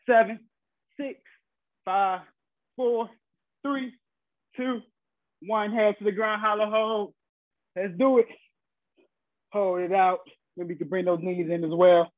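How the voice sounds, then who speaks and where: Young guy fitness coach, highish voice, hyping people thru a workout w countdowns, tinny video call audio. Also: no echo. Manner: encouraging, counting down, short motivational cues. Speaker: fitness instructor. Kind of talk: live online HIIT class coaching. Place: small carpeted room at home, indoors. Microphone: laptop or webcam mic on video call.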